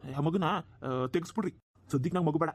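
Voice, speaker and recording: A man's voice: on the high side, fast, noisy background, lightly acted. A man voicing a stubborn, callous young village husband who drinks, in a cartoon, talking dismissively. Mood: defiant. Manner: dismissive, defiant. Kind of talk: cartoon dubbing.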